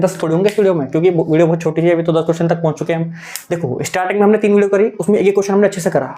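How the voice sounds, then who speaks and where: A young adult man with a high, slightly mellow voice teaches an exam-prep maths class. His style is coaxing and full of repetition, peppered with English terms.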